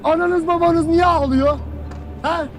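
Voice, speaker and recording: An actor playing a harsh commando captain who berates and shouts at his soldiers in a war film. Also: very high voice, fairly even intonation, a little slow, slight background noise. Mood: furious. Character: stern male commando captain, harsh, relentless. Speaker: army captain.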